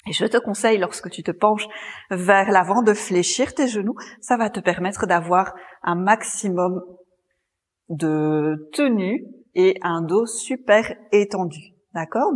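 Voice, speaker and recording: Calm breathy woman guiding a yoga class. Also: mid-range voice, long reverb tail. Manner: calm, gently guiding, cueing breath and movement. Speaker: yoga teacher. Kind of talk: guided yoga class instruction. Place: yoga studio.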